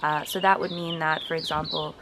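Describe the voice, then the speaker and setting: Speaking a little fast in a deep voice with little pitch movement, this South African woman in her twenties is a linguistics student making a reaction video. She chats explanatorily to camera, voicing vowels as examples, against a noisy background.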